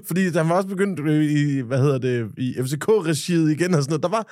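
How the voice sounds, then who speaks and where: A man's voice: on the high side, a little mellow, no room sound, clean studio sound. A man, co-hosting a podcast and telling rambling anecdotes, full of restarts and swearing. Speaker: podcast co-host. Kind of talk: casual chat, storytelling.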